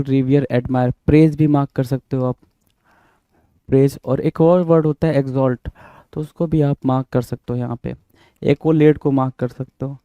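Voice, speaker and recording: Man, vocabulary teacher, very dark tone, flat delivery, dry sound, spells words out, answers his own questions. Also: medium pitch, clean tone, no room sound. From India. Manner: repeats words, spells them out letter by letter; asks the class questions and answers them himself. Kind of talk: bilingual classroom explanation.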